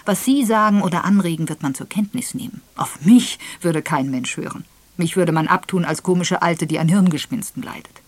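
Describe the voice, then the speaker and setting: A woman voicing a shrewd, gentle elderly spinster detective who speaks softly, half in a whisper, in an audiobook. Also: fairly low pitch, moderate pace, lightly acted. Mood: earnest.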